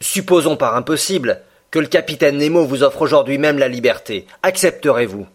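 A man voicing a blunt, impatient Canadian harpooner in an audiobook reading, pressing his point forcefully. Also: mid-range voice, fairly quick, natural voice. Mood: insistent.

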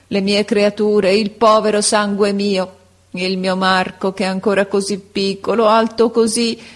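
A woman voicing a gravely ill mother crying out in anguish for her far-off children. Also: mid-range voice, flat delivery, measured pace, voice pushed up, natural voice.

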